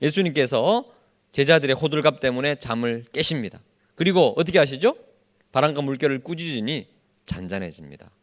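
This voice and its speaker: A man's voice: mid-range voice, fairly quick. A male pastor leading a Bible study sermon who keeps quizzing his congregation with questions. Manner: acts out quoted speech in lively voices.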